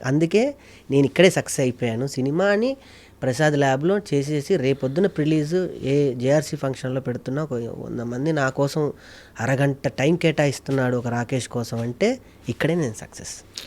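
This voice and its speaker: A man's voice: medium pitch, normal speed, a little mellow. A man being interviewed, talking earnestly and emphatically, often repeating phrases for effect. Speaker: guest, mimicry artist and ventriloquist. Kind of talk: casual interview talk.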